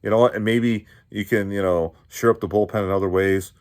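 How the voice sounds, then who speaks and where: A man hosting his own show, ranting about his sports team with loud outbursts, muttered asides and rhetorical questions. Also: lowish voice, fairly even intonation, fairly quick. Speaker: podcast host. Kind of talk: fired-up sports rant.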